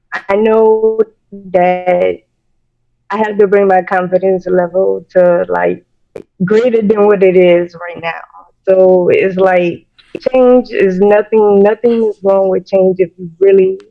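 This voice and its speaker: A woman's voice: mid-range voice, steady tone, measured pace, vocal fry. A woman in her thirties calling in over a muffled phone line, talking hesitantly and rambling with many fillers. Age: 30s. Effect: muffled phone-call line. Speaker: caller. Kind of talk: call-in conversation. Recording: dull lo-fi call audio.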